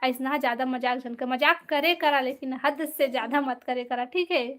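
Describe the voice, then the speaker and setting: A woman with a Chhattisgarhi accent hosting a casual live stream, reading out viewer comments and gently telling people off. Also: high-pitched, normal speed. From Chhattisgarh, India. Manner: reads out and answers viewer comments, scolds gently.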